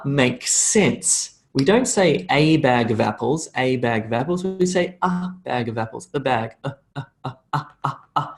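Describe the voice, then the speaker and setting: In a live online session, a fairly high-voiced Australian man teaches English pronunciation, repeating phrases slowly and having his learner say them back.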